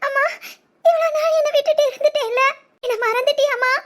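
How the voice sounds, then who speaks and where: A woman's voice: extremely high pitch, quick pace. A woman voicing a tearful young daughter in a cartoon, sobbing and pleading in a childlike way. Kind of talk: cartoon voice acting.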